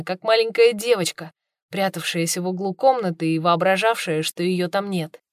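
A woman reading a first-person fantasy audiobook in an expressive, emotional way. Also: mid-range voice, dry recording, clean studio sound. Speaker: audiobook reader.

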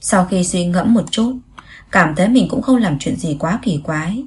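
A woman reading a romance novel aloud as an audiobook narrator, in steady, even storytelling. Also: fairly low pitch, normal speed.

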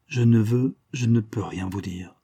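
Man putting on a young woman pleading, unsteady, husky low voice. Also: a little slow, mellow, dry recording.

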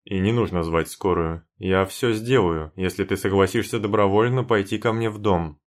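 Man voicing a menacing young man, low harsh voice, barking, sour, demanding. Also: moderate pace, close to an everyday voice.

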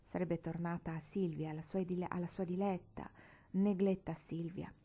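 A woman reading a classic novel aloud with expressive, emotive narration. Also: on the low side, normal speed, breathy edge. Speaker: audiobook reader.

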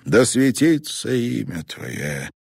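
A man voicing a priest who slowly intones funeral prayers. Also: medium pitch, big pitch swings, gravelly, darkish tone, slightly rough, dry recording, clean studio sound, voice pushed up, exaggerated voice. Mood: intoning. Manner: slow, intoning. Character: solemn priest reading a burial prayer.

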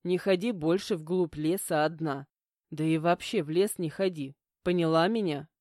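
A woman doing a stern, calm young male mentor. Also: low-pitched, moderate pace, no room sound, clean studio sound, close to an everyday voice.

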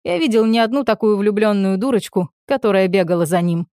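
A woman's voice: mid-range voice, a little fast, warm tone, dry recording, studio quality, lightly acted. A woman voicing a young man, a blunt, growling protective older brother, in a storybook reading. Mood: stern.

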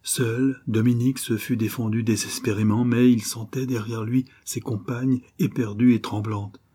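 A man narrating an adventure novel aloud, steady and measured. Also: medium pitch, slight background noise. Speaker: audiobook narrator. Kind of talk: scripted narration.

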